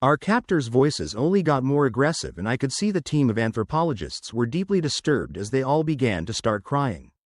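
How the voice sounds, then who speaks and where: A man giving a scripted first-person horror narration in a steady storytelling read. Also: medium pitch, moderate pace, hardly any pauses, no room sound, studio quality.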